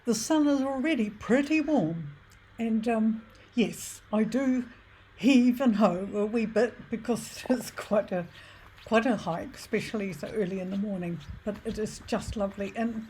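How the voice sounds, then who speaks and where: A New Zealand travel vlogger with a mellow, medium-pitched voice chats casually to her handheld camera while walking a hilly rural road, a little out of breath. She sounds admiring and unhurried, and the rough outdoor recording picks up ambient noise.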